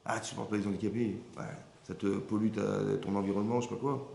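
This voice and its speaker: A man's voice: fairly low pitch, level tone, quick pace, vocal fry, warm tone. A man, a rabbi, giving a Torah lesson and often stopping to check that his listeners follow. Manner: keeps checking with listeners, repetitive asides. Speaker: rabbi teaching a class. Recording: echoey room with faint background hum.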